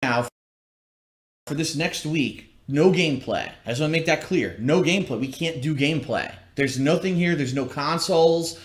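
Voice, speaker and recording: A man talks casually and rambles from an unfurnished house, and the bare rooms give his voice a cavernous echo. His voice sits a little high. The low-quality laptop stream adds to the hollow, roomy sound. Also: normal speed. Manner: rambling, plain-spoken. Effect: cavernous room echo from bare, unfurnished rooms. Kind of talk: casual chat about home plans. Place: empty newly moved-into house, indoors. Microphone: laptop livestream.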